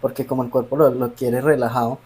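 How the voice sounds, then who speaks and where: A husky co-host at an ordinary middle pitch explains something casually, restarting sentences and hedging as they talk. The delivery is loose and conversational. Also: little pitch movement, quick pace, a little mellow. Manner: hedging, rambling explanations full of "como que". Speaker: podcast co-host.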